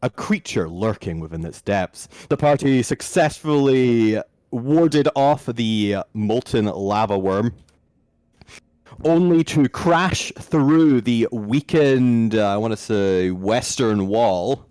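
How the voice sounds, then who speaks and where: Man on a loud clipping mic. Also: medium pitch, takes it slowly, clean tone, no echo. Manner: dramatic recap narration, relaxed banter between. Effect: loud clipping, distorted mic. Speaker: game master. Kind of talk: narrating a tabletop game over voice chat. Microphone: home computer mic on voice chat.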